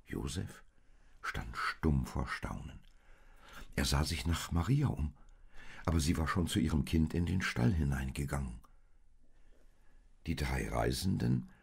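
A man reading a storybook aloud in a slow, expressive way. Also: extremely low pitch, creaky, breathy edge.

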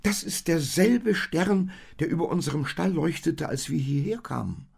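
A man voicing a boastful, proud male donkey in a storybook reading, talking high and breathy. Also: very animated, extremely slow, in a whisper, full character voice. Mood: excited.

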